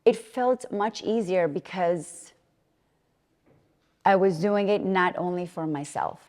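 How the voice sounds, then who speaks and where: Speaking slowly in a lowish, darkish voice, this Colombian gym owner and fitness coach reflects earnestly during a personal interview. The recording has a big-room sound.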